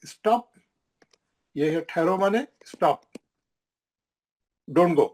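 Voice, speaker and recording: A man's voice: high-pitched, animated, extremely slow, a little mellow. A man teaching a recitation class, explaining rules with emphatic repetition and pointing things out on the page.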